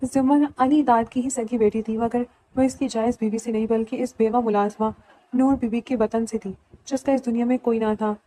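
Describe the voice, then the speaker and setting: A woman narrating a romantic novel as an audiobook, in steady storytelling. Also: a little high, low-quality recording. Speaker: novel reader.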